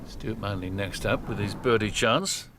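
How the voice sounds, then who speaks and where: A man's voice: fairly low pitch, unhurried, background noise. A man giving live golf commentary in short, descriptive phrases.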